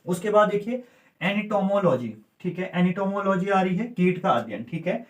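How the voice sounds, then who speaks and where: High-voiced teacher in an echoey room. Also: male voice, animated, moderate pace. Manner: repeats key terms, asks and answers his own questions. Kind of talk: exam-prep lecture with memory tricks.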